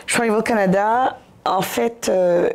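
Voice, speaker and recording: A woman's voice: mid-range voice, moderate pace, creaky, darkish tone. A woman in her thirties from Côte d'Ivoire, whose first language is Baoulé, chatting about her grocery store in an interview, full of fillers and repeated words. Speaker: grocery store owner, guest. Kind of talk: casual interview chat.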